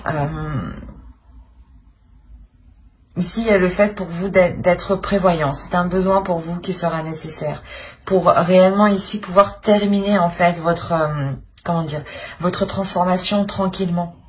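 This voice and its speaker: A woman with a fairly low, unhurried voice hosts a channel and gives an improvised tarot reading to viewers. Her delivery is hesitant, with repeated phrases as she gropes for words.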